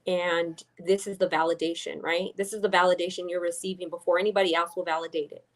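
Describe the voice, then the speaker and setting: A woman's voice: fairly low pitch, little pitch movement, fast talker. A woman hosting an interview, affirming her guest in a blunt way and swearing casually. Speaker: podcast host. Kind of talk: conversational interview.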